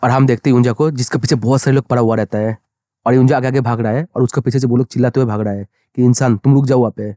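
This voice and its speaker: A male narrator retelling a manga story in a brisk, conversational recap. He moves through the plot quickly with a mellow, relaxed tone. The voice sounds close and dry. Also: mid-range voice, no echo.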